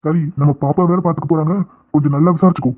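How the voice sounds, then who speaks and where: A woman's voice: sits low, steady tone, very fast, pitched below the performer's own voice. A woman voicing a doting middle-aged father who shields his daughter in a cartoon. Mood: indulgent. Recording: thin phone-like sound, off-mic.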